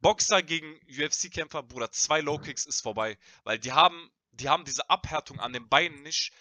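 A young man in casual, slangy debate, speaking in an animated and emphatic way. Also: a little high, moderate pace. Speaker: podcast panelist.

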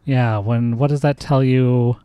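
A man's voice: medium pitch, fairly even intonation, measured pace, warm tone, clean tone, no room sound. A man with an American accent, a father hosting a casual chat and patiently quizzing his child with leading questions. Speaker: podcast host and father.

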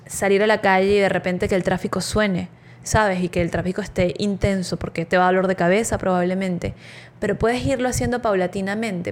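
A woman telling a personal story to her listeners in an expressive, animated way. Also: mid-range voice, a little hiss or hum. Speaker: wellness speaker.

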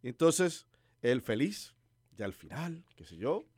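A man's voice: medium pitch, takes it slowly, slightly rough, no echo, studio quality. A man preaching a conversational sermon, telling stories and putting questions to his listeners. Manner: animated storytelling preacher, asks listeners questions.

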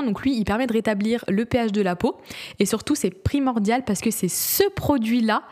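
A young female beauty vlogger, her voice on the high side and a little mellow, chats through her skincare routine in a casual vlog. She's giggly and talkative, full of fillers and restarts.

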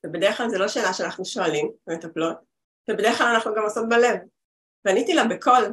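A woman's voice: mid-range voice, fairly bright tone. Brief: woman in her forties, guest healer, chatty rambling talk over a video call.

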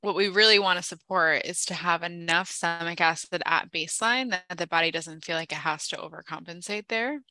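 A young woman co-hosting a casual chat podcast, telling stories in an animated way and laughing often, then explaining health topics. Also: lowish voice, brisk, few pauses, no echo. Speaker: podcast co-host, health practitioner.

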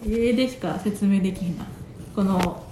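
A woman's voice: medium pitch, normal speed, dark tone, slight background noise. A woman co-hosting a casual comedy podcast; she is playful and giggly and often answers in short replies. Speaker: podcast co-host. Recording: roomy echo.

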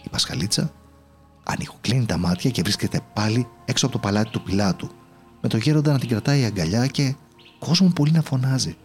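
A man narrating a children's storybook in a measured, solemn way. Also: fairly low pitch.

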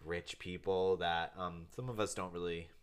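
Man, 20s, deep voice, laid-back rambling talker. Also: normal speed, clean tone. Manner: relaxed, rambling with fillers. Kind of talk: casual chat.

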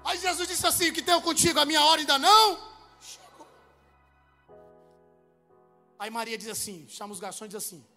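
A man preaching a humorous sermon, telling comic stories in a lively way and pressing his listeners hard. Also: very high-pitched, fast talker, faint music behind. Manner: comic, lively storytelling that rises into loud exhortation.

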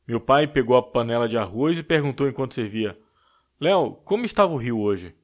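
A man reading a story aloud as an audiobook narrator, in a steady storytelling manner. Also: medium pitch. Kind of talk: scripted narration.

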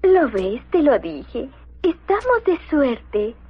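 A woman voicing an elegant, carefree lady mouse in an animated film, genteel and soothing. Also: sits high, takes it slowly, highs cut off, background noise, heavily acted. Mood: calm, admiring.

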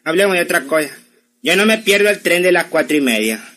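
A man's voice: on the high side, animated, fast talker, sharp tone. An actor playing a young man obsessed with trains who slips out of his mother's requests, in a radio drama. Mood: stubborn. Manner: evasive, teasing, slippery excuses.

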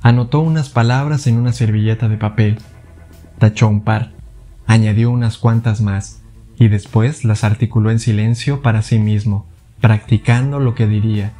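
A man reading a thriller audiobook in steady, deliberate narration. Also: lowish voice.

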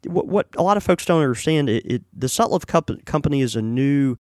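A man's voice: a little high, expressive, fairly quick, no echo, clean studio sound. A man co-hosting a podcast in casual chat, often repeating and restarting his words as he explains. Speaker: podcast co-host and tobacco reviewer.

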